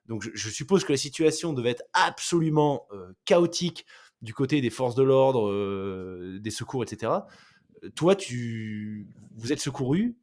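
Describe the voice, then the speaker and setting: A male podcast host asks his questions haltingly, with fillers between phrases. His voice sits at a middle pitch. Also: animated, a little mellow. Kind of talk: interviewing.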